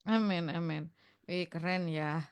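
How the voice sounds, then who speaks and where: A woman's voice: on the low side, measured pace, smooth, dry recording. A woman hosting a radio talk show, affirming her guest and summing up the lesson. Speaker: radio host. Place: radio studio.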